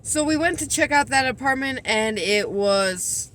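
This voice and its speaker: A woman's voice: high-pitched, lively intonation, unhurried, a bit bright, slight background noise. A woman chatting casually on a vlog, chiming in with brief remarks beside her partner. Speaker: vlogger.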